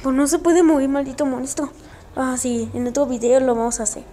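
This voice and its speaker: A woman giving casual gameplay commentary for her channel, excitable and yelping often, with direct shout-outs to viewers. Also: sits high, fairly quick, a little hiss or hum. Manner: excitable, with frequent yelps and exclamations. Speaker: gaming channel host.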